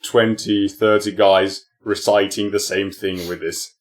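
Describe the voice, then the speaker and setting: Slow, low-voiced Finnish co-host. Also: male voice, level tone. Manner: laughs often, slow rambling anecdotes. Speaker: podcast co-host. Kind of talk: casual podcast storytelling.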